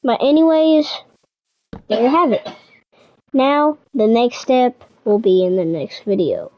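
Speaking a little slowly in a fairly high, warm voice with lively intonation, a young gaming tutorial creator chats directly to her viewers during casual gameplay commentary. She gets frustrated easily and grumbles at times, and the recording is low quality.

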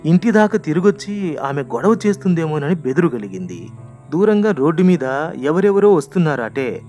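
Expressive male storyteller. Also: fairly high pitch. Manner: expressive, dramatic reading. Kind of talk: audiobook short story narration.

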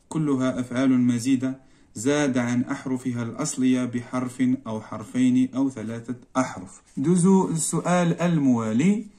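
A primary school teacher with a Moroccan Arabic accent works through a worksheet lesson, slowly repeating each word and drawing it out for his pupils. His voice is mid-range with a dark tone.

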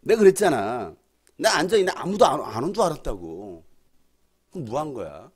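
A man's voice: fairly high pitch, sing-song, fairly quick, slightly rough. A middle-aged male pastor from Jeolla with a Jeolla accent, preaching a blunt, scolding youth sermon in a church hall. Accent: Jeolla Korean. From Jeolla, Korea. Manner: blunt, scolding, swings between shouts and mutters.

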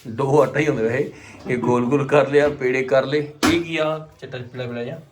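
A man's voice: mid-range voice, fairly even intonation. Playful Punjabi man vlogging over background noise. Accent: Indian Punjabi. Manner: playful, teasing, uses drawn-out exclamations. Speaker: family vlogger filming and hosting. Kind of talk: casual vlog commentary and banter.

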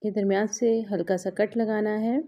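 A woman with a warm, medium-pitched voice and fairly even intonation speaks at a moderate pace. Hosting a cooking vlog from her home kitchen counter, she patiently goes through a recipe step by step while her hands work.

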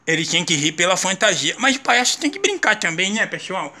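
A young Brazilian father in clown makeup, talking playfully to viewers and coaxing his small son, laughing often and jumping into high sing-song calls. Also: big pitch swings, brisk, pushed and bright. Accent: Brazilian Portuguese. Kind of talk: casual home video talking to viewers. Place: at home with a small child.

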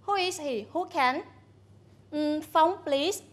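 High, slow-speaking Vietnamese woman teacher. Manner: slow, deliberate, coaxing prompts to students. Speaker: English teacher. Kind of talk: bilingual classroom lesson.

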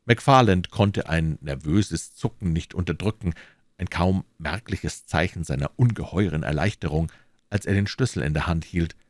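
A man reading an audiobook in a measured, dramatic storytelling manner. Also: sits low, no room sound, studio quality. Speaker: audiobook reader. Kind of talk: scripted audiobook narration.

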